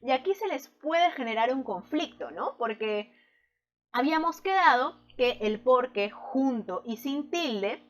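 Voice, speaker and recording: A woman with a somewhat high voice teaches a recorded grammar lesson. She explains each rule patiently and slows down to stress the key points. She keeps checking in with her students through short tag questions. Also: lively intonation.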